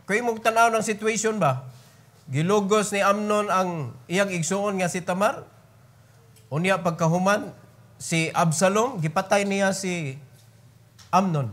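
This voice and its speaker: High-voiced Cebuano preacher man. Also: a little slow, pauses often, fairly bright tone. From Philippines. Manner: emphatic, often calls out "brethren" and asks "Amen?". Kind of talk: sermon at a prayer meeting. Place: church prayer meeting.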